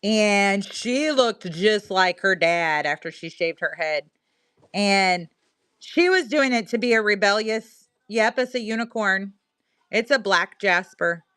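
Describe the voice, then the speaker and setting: A woman's voice: medium pitch, animated, takes it slowly, fairly bright tone, clear, resonant tone, dry recording, clean studio sound. A middle-aged woman with a Missouri accent, casually telling a rambling story while selling items on a livestream. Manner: chatty, rambling, reads viewer comments aloud. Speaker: livestream seller.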